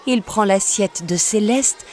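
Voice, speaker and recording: A woman reading a children's story aloud in a slow, expressive, sing-song way. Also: medium pitch, some chatter behind.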